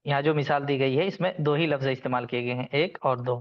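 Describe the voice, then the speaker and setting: A man's voice: medium pitch, a little fast, muffled recording. A man teaching an online grammar class, patiently explaining rules and calling on students by name.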